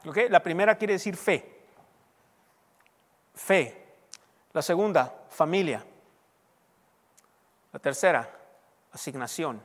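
A man's voice: fairly high pitch, lively intonation, takes it slowly, long pauses. A man preaching a sermon as pastor, teaching and quizzing his congregation with call-and-response questions. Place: church hall. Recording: long hall reverb.

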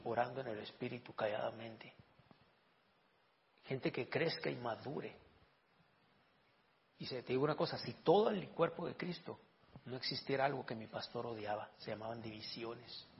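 A male pastor with a gravelly, creaky voice delivers a casual, conversational sermon. He keeps checking in with rhetorical questions and stumbles over repeated words. The recording sounds dull and lo-fi. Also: mid-range voice.

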